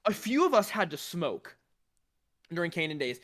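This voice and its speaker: A man chatting on a podcast, telling animated theater stories and laughing often. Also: a little high, moderate pace, a loud crowd. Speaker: cast member recalling a show. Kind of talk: casual podcast chat.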